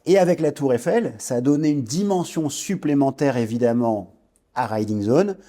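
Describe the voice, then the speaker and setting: A man's voice: mid-range voice, animated, moderate pace, mellow. A man in his forties from French Guiana, a guest entrepreneur recounting his career in an interview, hesitating and restarting often. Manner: reflective storytelling, frequent hesitations and restarts. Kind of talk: podcast interview.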